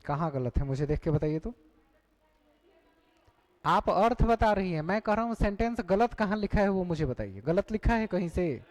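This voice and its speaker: High-voiced male teacher quizzing his class. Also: big pitch swings, moderate pace, a little mellow, low-quality recording. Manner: questioning the class, repeating key points. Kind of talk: exam-prep class lecture.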